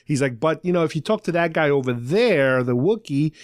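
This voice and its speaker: A podcast host with a somewhat high, expressive voice recaps a radio drama at a brisk clip, loosely paraphrasing the dialogue in casual fan discussion. The sound is studio quality with no echo.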